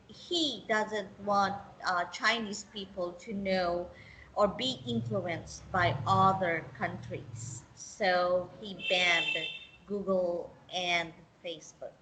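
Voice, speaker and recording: A woman with a medium-pitched, sharp voice interviews a contestant in English, asking casual questions in a chatty, encouraging way and laughing often. The recording is rough, with slight background noise.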